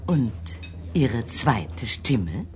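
A woman's voice: extremely low pitch, big pitch swings, very slow, a little mellow, a little hiss or hum, exaggerated voice. A woman voicing an amused, ironic female hotel manager at a restaurant table in a language-course dialogue.

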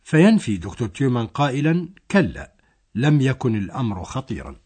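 A man's voice: medium pitch, sing-song, fairly quick, a little mellow, slightly rough. A man narrating a scripted language lesson, explaining a dialogue step by step.

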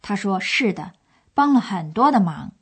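A woman presenter reads scripted narration for a language course. Her mid-pitched voice explains and retells a story for listeners. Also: animated, normal speed, slightly rough.

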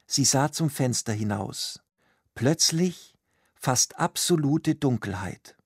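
Slow, gravelly male storyteller. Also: mid-range voice, no room sound, studio quality. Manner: calm, measured. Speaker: narrator. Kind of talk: slow scripted narration for language learners.

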